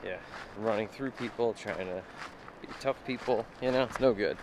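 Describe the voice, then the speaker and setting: A man's voice: lowish voice, moderate pace, background noise. A man in his thirties chatting casually while travel vlogging outdoors, blunt and swearing freely with dry jokes. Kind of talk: casual travel vlog chat. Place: outdoors on mountain trails and at a rental house.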